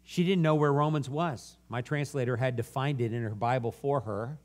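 A man preaching a sermon, earnestly telling a story that moves from animated to hushed. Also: mid-range voice, normal speed. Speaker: guest preacher.

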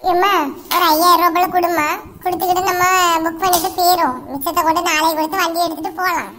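A woman playing a boastful, sharp-tongued woman shopkeeper with a Kanyakumari accent. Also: very high-pitched, fairly even intonation, fast talker, slight background noise. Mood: scolding. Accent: Kanyakumari Tamil. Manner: scolding, show-off. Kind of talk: comic sketch acting.

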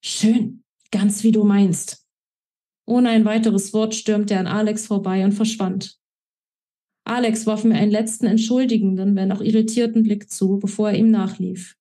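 Woman author, mellow voice, expressive first-person read of her own novel. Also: medium pitch, moderate pace.

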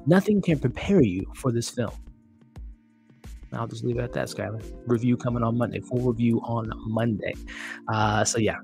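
A man in his thirties hosts a casual live stream from a small room, close to a studio mic on his desk, reading comments in a chatty, upbeat way while laughing often and thanking viewers. His medium-pitched voice is creaky and a little mellow at a moderate pace, he's losing his voice, and faint music plays behind him.

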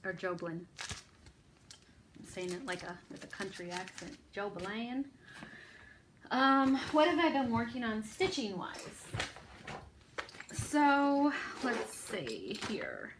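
A woman's voice: mid-range voice, sing-song, slow, pauses often, noisy background. A woman hosting a needlework video, chatting casually about her stitching projects in a rambling, self-deprecating way. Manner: rambling, self-deprecating, lots of ums and restarts.

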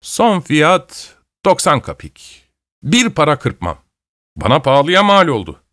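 A man's voice: on the high side, very animated, slow pace, pushed and bright, dry recording, studio quality, voice pushed up, full character voice. A man voicing a sly, cocky young male laborer who teases his friend in an audiobook. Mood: mocking. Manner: cocky, teasing.

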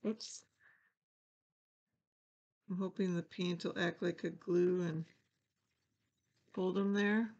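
An older woman hosts a casual crafting channel, shot by a fixed camera over her craft table. Her fairly low, darkish voice is slow and fairly even, with vocal fry and frequent pauses, in lo-fi sound. Chatty and self-deprecating, she thinks aloud and pokes fun at herself as she works.

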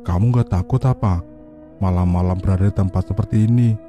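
An easygoing man fishing at night, talking in a mild, apologetic and puzzled way, as a storyteller reads him. The voice is low and dark, with faint music in the background. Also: a little fast, close to an everyday voice.

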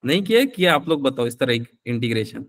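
A man's voice: medium pitch, big pitch swings, quick pace. A young man teaching a physics class live online, chatty, calling his students beta and answering their questions.

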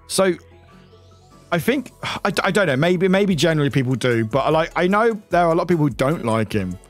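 An excitable streamer waffles through a live reaction, swearing freely and cutting himself off mid-thought. His slightly high voice bounces around animatedly. Faint music plays underneath. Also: brisk. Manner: self-interrupting, scattered.

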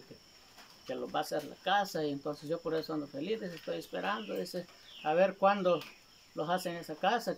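A man, a vlogger speaking casually to his viewers in a gravelly voice, rambling and repeating himself as he recounts a conversation. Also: on the high side, a little hiss or hum. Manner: rambling, repeats "me dice" often.

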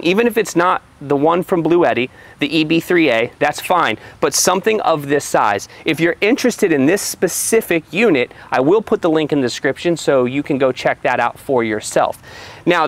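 A man in his thirties giving a casual product review to camera outdoors, recorded on a poor microphone with hiss. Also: fairly high pitch. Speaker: vlogger reviewing gear. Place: outdoors at an open car tailgate.

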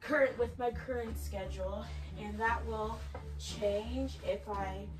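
A woman's voice: a little high, fairly even intonation, slow pace, far from the mic, low-quality recording. A young woman vlogging casually, rambling with lots of fillers while she tidies and plans her day, sounding a bit out of breath. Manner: chatty, filler-heavy, talking while tidying. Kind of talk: casual vlog talk.

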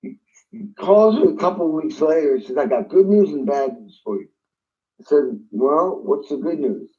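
A man's voice: fairly high pitch, animated, moderate pace, dark tone, dull audio. A man, a guest drummer, telling a story in an interview and acting out phone calls in different voices.

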